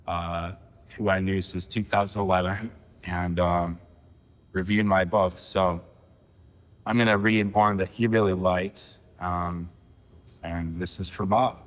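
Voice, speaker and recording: A man in his forties giving a poetry reading, with halting, filler-heavy asides between poems. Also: sits low, long reverb tail. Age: 40s. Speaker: poet. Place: reading venue.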